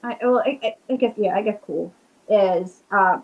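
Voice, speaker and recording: In a casual video-call interview, a Rhode Island–accented woman who is a witch and paranormal investigator chats eagerly as the guest. She has a medium pitch and normal speed, uses "like" again and again, and the audio sounds dull.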